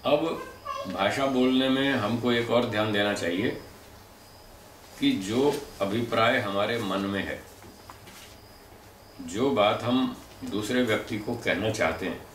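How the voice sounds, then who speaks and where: Male lecturer, deliberate and explanatory, a bit low; echoey room, faint background noise. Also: a bit bright, far from the mic. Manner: measured and explanatory, demonstrating pronunciations aloud. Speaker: lecturer on speech and pronunciation. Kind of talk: spoken lecture.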